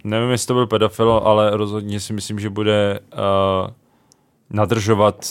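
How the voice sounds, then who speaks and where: A man's voice: fairly low pitch, level tone, clear, resonant tone, no echo. A young man co-hosting a casual book chat, thinking aloud with small hesitations. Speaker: podcast co-host.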